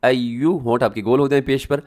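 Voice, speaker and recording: A man teaching prayer recitation as a religious teacher, chanting each phrase slowly and drawn out, then explaining his corrections briskly. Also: medium pitch, fairly even intonation, a little mellow.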